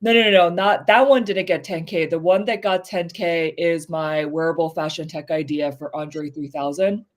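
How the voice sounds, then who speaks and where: A woman's voice: sits low, fairly even intonation. Woman cohost just chatting, blunt opinions, lots of likes and ums. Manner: opinionated, candid, fast with many fillers. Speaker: podcast co-host. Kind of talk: casual chat.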